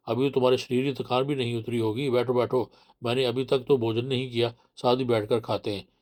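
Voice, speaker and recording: A man's voice: medium pitch, little pitch movement, brisk, a little mellow, natural voice. A man reading the part of a sly village man who coaxes and presses a guest with fake friendliness. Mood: coaxing. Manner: coaxing and pushy. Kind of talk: audiobook character voice.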